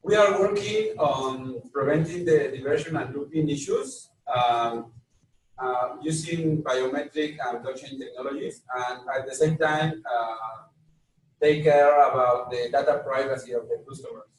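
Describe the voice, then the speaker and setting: A man introducing his startup in a halting way, with pauses and ums. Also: medium pitch, a little hiss or hum. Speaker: startup founder. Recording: distant, echoey, faint background.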